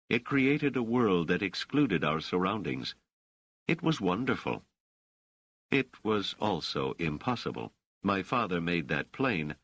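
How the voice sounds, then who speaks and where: During a novel reading, a man voices a confident middle-aged woman ruler, raising his pitch well above typical male range and letting it move expressively. The portrayal is gracious, poised and formal, with measured phrasing and an air of command. The exaggerated voice is fairly bright, with no room sound.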